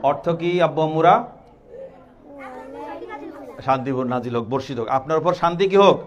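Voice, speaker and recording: A man's voice: fairly high pitch, rapid-fire, dull audio. A man teaching a religious lesson to young children in a primary school classroom, quizzing and coaxing them and repeating each question in call-and-response. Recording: classroom with a noisy crowd of children. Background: children answering in chorus.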